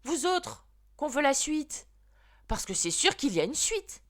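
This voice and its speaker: Woman playing an eager cheeky schoolboy, high voice, pleading, storybook. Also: big pitch swings, measured pace. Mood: excited.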